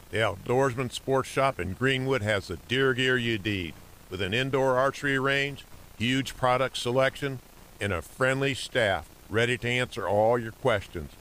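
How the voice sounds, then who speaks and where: A man's voice: mid-range voice, fairly bright tone, a little hiss or hum, rough recording. An American man reading a scripted radio commercial as an announcer. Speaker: advertisement announcer.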